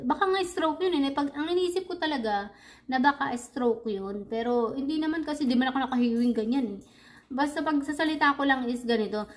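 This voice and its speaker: Reflective woman vlogger, slightly high voice. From Philippines. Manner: reflective, rambling, many hesitations and restarts. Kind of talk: casual confiding vlog monologue.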